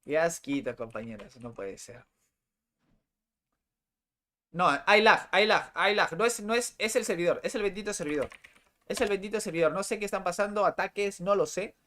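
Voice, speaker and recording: Chatty game streamer. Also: male voice, high voice, a little fast, bright, forceful tone. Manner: chatty, exclamatory, repeats himself. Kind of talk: live gameplay commentary.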